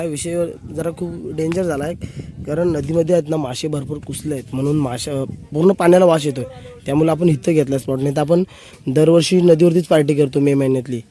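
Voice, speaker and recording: A man's voice: a little high, steady tone, a little fast, warm tone. A young man with a Konkani Marathi accent, hosting a casual vlog outdoors on a rural plateau, chatting and bossing his friends around. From Konkan, Maharashtra. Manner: chatty, bossy, gives instructions to friends. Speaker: vlogger host. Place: outdoors on a rural plateau under a banyan tree.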